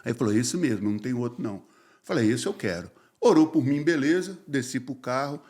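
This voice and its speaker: A man, a pastor telling his life story in a casual, slangy, animated way and acting out the dialogue. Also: medium pitch, fairly quick. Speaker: pastor, podcast guest.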